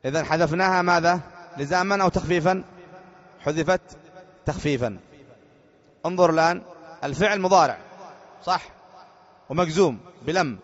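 A man's voice: a little high, normal speed, pauses often, fairly bright tone. A man teaching a grammar lesson as a sheikh, repeating each point and putting short questions to his students. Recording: dull lo-fi lecture recording.

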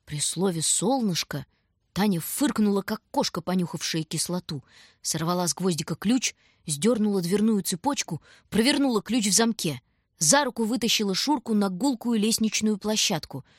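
A woman narrating an audiobook with expressive storytelling. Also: medium pitch, normal speed, slightly rough, no room sound, clean studio sound.

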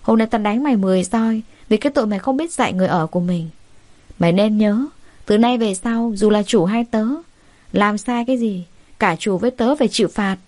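A woman playing a domineering old matriarch with a harsh, scolding, commanding manner. The voice is mellow and recorded close and dry. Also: mid-range voice, brisk, dry recording, lightly acted. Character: stern domineering old mother-in-law.

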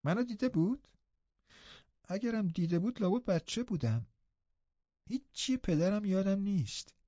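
A man voicing a frail, pale, sulky young boy who speaks softly and plaintively. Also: high voice, animated, no room sound, dull audio, pitched above the performer's own voice. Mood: wistful, plaintive.

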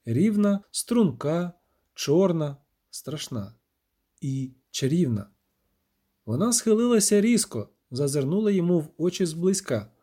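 A man reads a fantasy audiobook in a dramatic, expressive style. His voice sits high and moves widely in pitch. The tone stays dark and mellow. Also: a little slow, slightly rough. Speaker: audiobook narrator. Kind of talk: scripted narration.

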